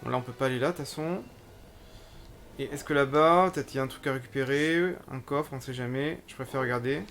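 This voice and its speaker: A man commenting casually on his own gameplay, thinking aloud and reading tutorial text out loud. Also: medium pitch, brisk, soft background music. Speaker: let's play gamer.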